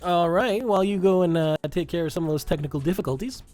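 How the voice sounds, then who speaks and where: A young man from Massachusetts with a Massachusetts accent, co-hosting a podcast in casual chat, rambling and animated with frequent restarts. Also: high voice, fast talker. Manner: rambling, animated, self-interrupting. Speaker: podcast co-host.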